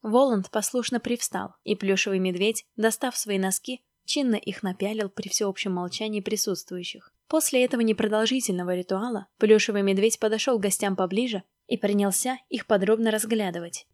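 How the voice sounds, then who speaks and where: A woman reading a humorous novel aloud in lively, ironic audiobook narration. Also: medium pitch, fairly quick, hardly any pauses, no echo, clean studio sound. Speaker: audiobook reader. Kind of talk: scripted narration.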